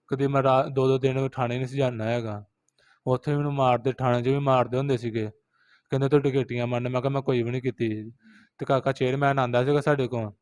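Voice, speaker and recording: Fast-talking Punjabi-accented man, flat delivery. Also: medium pitch, clean tone, no room sound. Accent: Pakistani Punjabi. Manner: recounts events, quoting others in repetitive phrases. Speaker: interviewee, rickshaw driver. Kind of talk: street interview.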